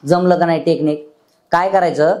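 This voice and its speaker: A man's voice: a little high, steady tone, normal speed, darkish tone. A man teaching a classroom grammar lesson. He chants letter lists in rhythm and keeps drilling his students with questions.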